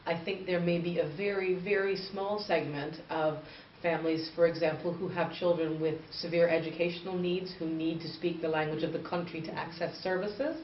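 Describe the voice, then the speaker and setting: Speaking at a normal speed with a fairly low pitch and steady tone, this bilingual education expert from northern Canada, a woman in her thirties, gives earnest, explanatory interview answers. The mic is far away, leaving the audio distant, echoey, muffled and faintly noisy.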